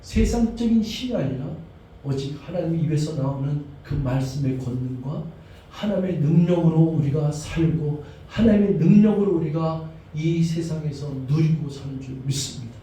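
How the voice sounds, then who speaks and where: A male pastor delivers a fervent sermon in a rather high, mellow voice that swells into impassioned declaiming. He sounds far from the mic, with a very echoey church hall ringing around him. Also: lively intonation, normal speed, slight background noise. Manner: fervent, rises to impassioned declaiming in repeated confessions. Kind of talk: sermon and closing prayer. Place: church sanctuary.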